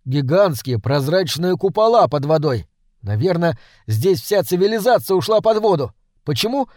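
A man voicing a curious boy astronaut who speaks with excited wonder. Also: fairly high pitch, moderate pace, no room sound, clean studio sound.

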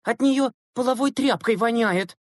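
A woman's voice: on the high side, a little slow, no echo, studio quality, natural voice. A woman voicing a group of mocking, whiny teenage schoolgirls in an audiobook, with a sneering manner. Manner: sneering, whining. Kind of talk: audiobook character reading.

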